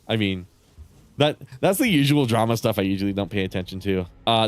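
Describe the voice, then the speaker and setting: This livestreamer's voice sits on the low side, clean in tone and free of echo. Chatting casually over his game, he sounds congested and nasal, rambling, cursing often, and laughing between ideas.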